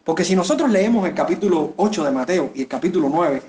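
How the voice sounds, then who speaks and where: Male pastor, higher-pitched voice, expressive sermon delivery aimed at the congregation. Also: fast talker. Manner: expressive preaching, pitch rising and falling for emphasis; addresses listeners directly.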